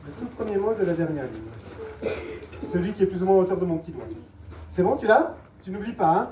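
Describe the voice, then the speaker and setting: A woman mentalist works a live crowd, coaxing volunteers through a mind-reading trick with playful, patient repetition. Her voice sits at a middling pitch and comes from a distance. The room is roomy and echoing, with a steady live-venue noise underneath. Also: a little fast. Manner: playful, repeats instructions patiently. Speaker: stage mentalist. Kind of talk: live stage show with audience volunteers. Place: live show venue with audience. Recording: echoey, distant mic, noisy live room.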